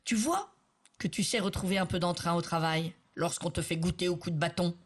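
A woman voicing a brutal, scornful male village overseer who shouts at peasants, in a storybook reading. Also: lowish voice, fairly quick, husky. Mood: harsh yelling.

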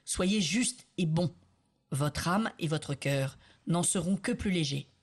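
A woman's voice: fairly low pitch, slow, slightly rough. A woman voicing a just, kind king who poses as a peasant and then speaks firmly, in a storybook reading. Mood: stern commanding. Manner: hesitant when disguised, firm when revealed.

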